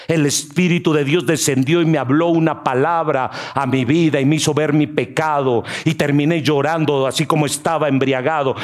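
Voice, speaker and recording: A pastor preaching a sermon in a middle-pitched male voice. He drops low and slow, then rises loud and high for emphasis, and slips in jokes along the way. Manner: joking asides.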